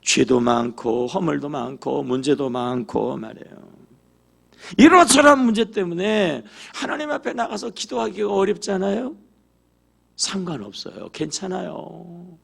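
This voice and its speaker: A man preaching a sermon in a church with a high, gravelly voice. His pitch swings widely as he acts out prayers and quizzes the congregation. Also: unhurried. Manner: animated, acts out quoted prayers and dialogue; asks the congregation questions. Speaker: pastor. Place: church sanctuary.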